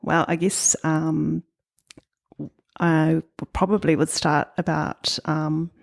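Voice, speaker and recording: A woman's voice: deep voice, level tone, slow, vocal fry. A middle-aged woman from New Zealand with a New Zealand accent, answering interview questions in a thoughtful, hesitant way. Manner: thoughtful, hesitant, many ums. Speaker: guest artist.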